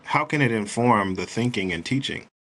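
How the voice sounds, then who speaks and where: A man hosting a podcast, a professor who poses measured questions to his guest. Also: on the low side, expressive, a bit bright, rough recording. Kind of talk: interview questions.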